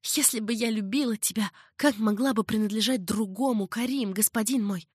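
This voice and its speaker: A woman's voice: medium pitch, normal speed, breathy edge, dry recording, studio quality, close to an everyday voice. A woman voicing a timid but proud young slave girl in a romance, speaking in an anxious, pleading way.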